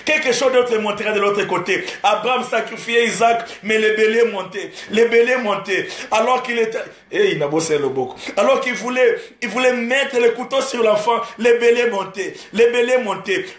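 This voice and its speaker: A Congolese gospel singer preaches a testimony sermon on a live-streamed church broadcast, his high, slightly bright voice moving at normal speed with hardly a pause in an echoey room. He repeats phrases in a rising preaching cadence, laughs along the way, and shifts between French and Lingala.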